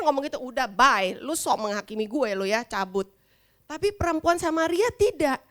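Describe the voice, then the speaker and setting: A middle-aged woman pastor, her voice sitting a bit high. She preaches in a loose, chatty way, drops in English words and plays out short quoted voices. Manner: chatty, playful, mixes English into her speech, acts out little quoted voices. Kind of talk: sermon.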